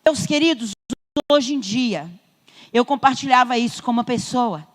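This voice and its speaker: A Brazilian woman pastor preaches in a high, bright voice with a Brazilian Portuguese accent. She builds her points through emphatic, repeated appeals that climb in intensity. Her words ring out with a long reverb in a church hall. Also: normal speed. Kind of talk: sermon. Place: church sanctuary.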